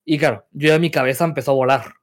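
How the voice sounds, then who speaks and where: Guy telling a story, animated, swears a lot, slightly high voice. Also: fast. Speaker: guest, tabletop game player. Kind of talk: casual interview chat.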